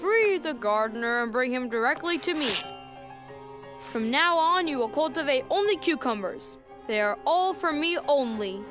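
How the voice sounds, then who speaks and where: A woman's voice: high-pitched, animated, moderate pace, over music. A woman voicing a fat, greedy, bad-tempered king giving imperious commands in a storybook tale. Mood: commanding.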